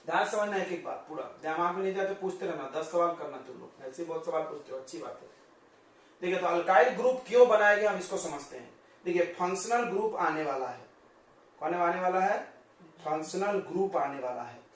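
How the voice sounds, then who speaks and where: A male coaching-class teacher giving a chatty chemistry lesson, joking with his students and firing quick questions at them. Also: sits high, expressive. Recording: very echoey classroom, distant mic.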